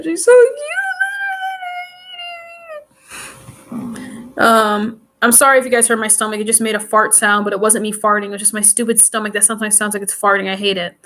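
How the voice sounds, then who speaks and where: A woman's voice: mid-range voice, a bit bright. A young adult woman chatting casually to viewers in a rambling, giggly way, close to a computer mic at home. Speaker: vlogger.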